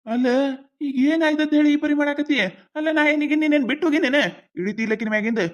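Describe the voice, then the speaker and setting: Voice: high voice, fairly even intonation, fast, dull audio, close to an everyday voice. A performer voicing a henpecked village husband in a cartoon, pleading and protective. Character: henpecked village husband, devoted to his lover. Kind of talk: cartoon voice acting.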